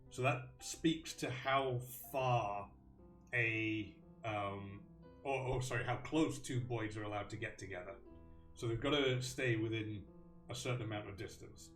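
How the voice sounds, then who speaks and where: A man's voice: medium pitch, echoey room, distant mic. A man hosting a live stream, thinking aloud about a game with many ums and restarts. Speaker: host.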